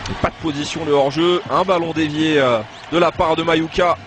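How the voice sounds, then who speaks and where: High-pitched male football commentator over match noise. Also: steady tone, fairly quick. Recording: noisy live match broadcast.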